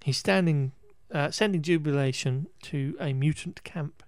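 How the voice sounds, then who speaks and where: A man's voice: a little high, a little slow, clear, resonant tone, no echo, studio quality. Wry, rambling man on a podcast. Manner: rambling, wry and exasperated, with frequent restarts and laughs; occasional swearing. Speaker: podcast host recapping a film. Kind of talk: casual chat.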